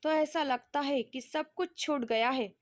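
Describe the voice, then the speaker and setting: Woman voicing a middle-aged wife, irritated, complaining, high voice, storybook reading. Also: measured pace. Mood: reflective. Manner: complaining, exasperated.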